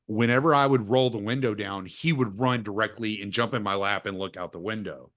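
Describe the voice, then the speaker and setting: A man hosting a casual interview podcast, talking in an opinionated, lively way. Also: lowish voice, brisk, dry recording, studio quality. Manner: opinionated, animated when quoting others. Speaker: podcast host. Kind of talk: casual conversation.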